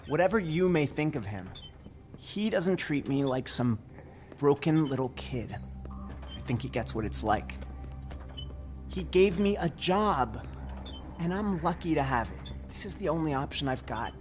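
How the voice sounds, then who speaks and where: A man's voice: fairly high pitch, big pitch swings, a little slow, pauses often, faint music behind. An actor playing a humble, anxious young doorman in a video game, polite and pleading in manner. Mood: earnest, defensive.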